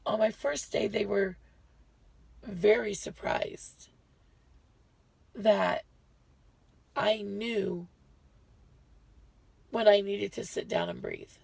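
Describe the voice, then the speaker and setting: Woman, vlogger, very gravelly voice, close dry sound, chatty and rambling, a bit short of breath. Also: medium pitch, sing-song, drawn-out words, long pauses, darkish tone, dry recording. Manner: chatty, rambling, self-correcting. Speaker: lifestyle vlogger. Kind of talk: casual health update to viewers.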